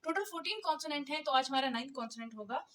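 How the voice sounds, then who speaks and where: High-voiced woman teaching a lesson. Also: lively intonation, very fast, pushed and bright. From Pakistan. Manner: patient, explains step by step and repeats words. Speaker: Korean language teacher. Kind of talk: online language lesson.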